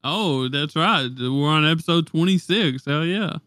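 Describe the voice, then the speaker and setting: A man's voice: a little high, unhurried, a bit bright, no echo, studio quality. A man co-hosting a casual podcast in a laid-back frat-bro way, with slang and swearing. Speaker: podcast co-host.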